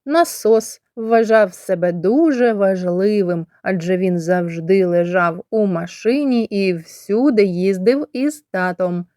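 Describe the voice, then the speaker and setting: A woman from Ukraine working as a kindergarten teacher, leading a children's literacy lesson in slow, clear, drawn-out speech. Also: mid-range voice, darkish tone, no echo, clean studio sound.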